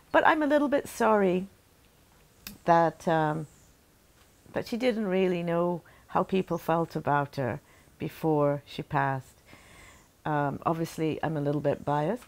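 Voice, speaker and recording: Barbadian woman, very low voice, halting and heartfelt, reflective interviewee. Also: darkish tone. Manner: halting and heartfelt, many pauses and restarts. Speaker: interviewee, daughter remembering her late mother.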